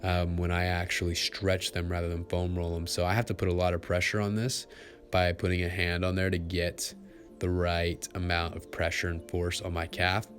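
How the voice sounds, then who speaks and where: Guy with a real low voice talking you thru foam rolling, easygoing and encouraging, soft music under it. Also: moderate pace. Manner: relaxed, encouraging coaching. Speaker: fitness instructor. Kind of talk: follow-along exercise instruction. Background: faint background music.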